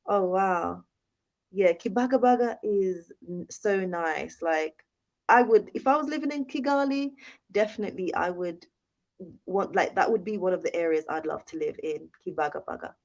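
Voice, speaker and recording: On a casual live-stream Q&A, a young woman from the UK chats, reads viewers' comments aloud and thanks them again and again. She speaks on the low side at normal speed into a phone held in her hand, and the sound is dull and lo-fi.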